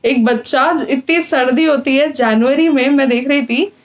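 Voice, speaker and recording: High-voiced teenage girl giving earnest advice. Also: unhurried, low-quality recording. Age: teens. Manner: earnest, encouraging, many fillers and restarts. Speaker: student vlogger. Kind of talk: casual advice talk to camera.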